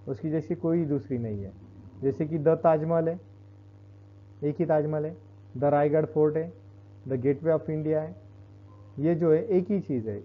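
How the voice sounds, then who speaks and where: Man teaching, dull lo-fi sound. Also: fairly high pitch. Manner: explains slowly, repeats points, switches between Hindi and Marathi. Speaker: English grammar teacher. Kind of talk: bilingual classroom lesson. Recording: dull lo-fi recording.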